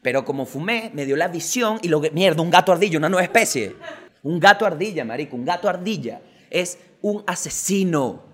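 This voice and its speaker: A young Venezuelan man hosting a podcast, telling stories in a slangy comic monologue that swings between loud bursts and low mutters. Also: expressive, brisk. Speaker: podcast host, stand-up comedian.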